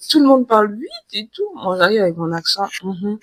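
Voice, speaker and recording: A woman from Cameroon, a guest author, telling her story in a relaxed interview, animated and repeating words as she searches for them. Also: mid-range voice, a little fast, no room sound. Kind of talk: casual conversational interview.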